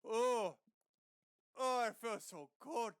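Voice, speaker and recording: A man's voice: very high voice, takes it slowly, a bit bright, clean tone, no room sound, studio quality, exaggerated voice. A man voicing a small, crude, brash female dwarf in a tabletop game, with a sultry, foul-mouthed manner. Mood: blissful.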